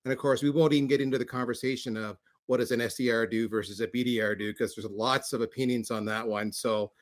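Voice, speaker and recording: A man's voice: mid-range voice, steady tone, fast. A man chatting as a panel guest, easygoing and joking as he sets up others. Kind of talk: casual panel chat.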